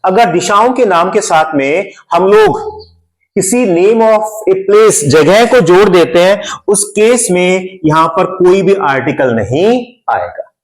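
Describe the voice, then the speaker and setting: A man's voice: high voice, sing-song, slow pace, rough recording. A man from India teaching English grammar in a classroom-style lesson, explaining step by step and repeating terms in Hindi and English.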